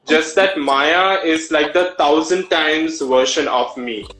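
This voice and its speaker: A man's voice: on the high side, takes it slowly, a bit bright, a little hiss or hum. A man in his thirties with a Malayali Indian English accent, talking expressively and conversationally as an interview guest. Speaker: interview guest, drag performer. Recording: roomy echo with background music.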